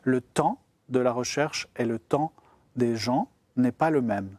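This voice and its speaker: A man's voice: medium pitch, unhurried, darkish tone, dry recording. A man, a guest expert, explaining science simply on a broadcast show, step by step in plain words, as if to a child.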